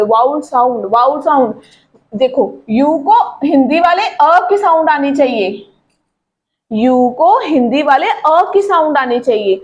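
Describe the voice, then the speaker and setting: Slow, high-voiced woman teaching grammar. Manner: explains slowly, repeats points, asks the class questions. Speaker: English teacher. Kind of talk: classroom grammar lesson.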